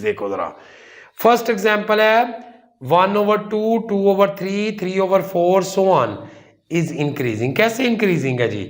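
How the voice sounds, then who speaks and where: A man teaching a math lesson, slowly asking and answering his own questions and calling his students "children". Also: high voice. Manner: slow, explains step by step, asks and answers his own questions; calls students "children" and "son". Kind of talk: whiteboard lecture.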